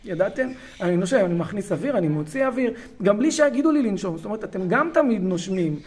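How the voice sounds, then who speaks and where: A man coaching a parents' group in a recorded lesson. He talks straight to the parents, acts out everyday scenes and keeps asking if they understand. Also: sits high. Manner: animated, acts out scenes, often asks "you understand?".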